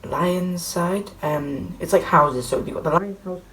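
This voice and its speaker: A young woman with a notably low voice talks casually to her camera about a show she is seeing. She sounds chatty and keen, stumbling over fillers and restarts as she goes. A faint hiss sits under the recording. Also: a little slow, a bit bright, poor audio. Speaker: theatre vlogger. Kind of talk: casual vlog chat to camera.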